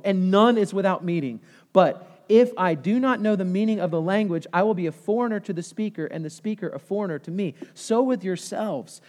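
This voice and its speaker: A man's voice: sits high, a little mellow. Passionate man preaching in a reverberant hall. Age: 30s. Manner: passionate, call-and-response questions to the congregation. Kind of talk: sermon.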